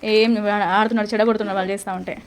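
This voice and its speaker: A woman's voice: medium pitch, flat delivery, background noise. A woman, a mother coaxing and instructing her children through a clay craft in a casual home video. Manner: coaxing, instructive, quick questions.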